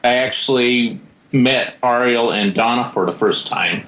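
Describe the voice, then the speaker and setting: A man's voice: medium pitch, measured pace, fairly bright tone. A man speaking as a radio show guest, telling his own story casually. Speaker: guest, paranormal investigator. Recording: roomy echo on the voice.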